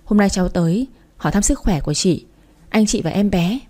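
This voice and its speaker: A woman reading the part of a young mistress, politely deferential but defiant, in a mellow, dark voice. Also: medium pitch, lively intonation, brisk, close to an everyday voice.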